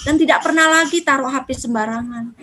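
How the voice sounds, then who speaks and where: A woman with a high voice speaks fast in a religious talk for parents, acting out the things parents say to their children. She is a lively parenting speaker, and the audio is poor with slight background noise.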